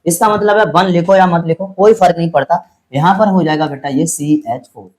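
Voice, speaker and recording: A man's voice: a little high, darkish tone, low-quality recording. A man teaching a chemistry lesson, explaining step by step and patiently repeating his points. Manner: patient and repetitive, calls students "beta" and checks their understanding; slows down to spell out chemical formulas.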